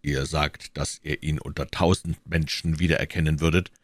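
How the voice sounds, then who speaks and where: A cold, suspicious commissioner in a storybook audiobook, voiced by a man in a very low voice. He questions in a stern, indifferent manner, recorded close and dry. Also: fairly even intonation, moderate pace, no room sound. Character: cold, suspicious male police commissioner, middle-aged. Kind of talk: audiobook reading.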